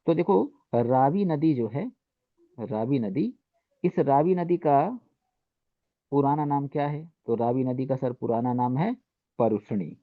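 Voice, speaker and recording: A man's voice: medium pitch, slow pace, pauses often. Guy teaching a class, says theek hai every other line, sounds like it's over a phone, no room echo at all. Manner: repeats "ठीक है" constantly, asks and answers own questions. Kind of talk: exam-prep lecture in Hindi with English terms. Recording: dry, phone-like narrow sound.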